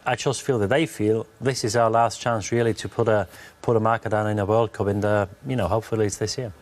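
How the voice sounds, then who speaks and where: A man's voice: lowish voice, fairly even intonation, quick pace. A man giving post-match football analysis as a pundit, thinking aloud with many fillers and restarts.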